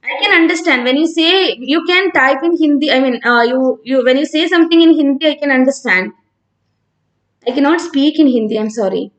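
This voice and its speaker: A woman's voice: high voice, a little fast, a bit bright, low-quality recording. A woman from Kerala with a South Indian accent, teaching informally on a live stream and talking conversationally as she answers students. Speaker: online physics teacher.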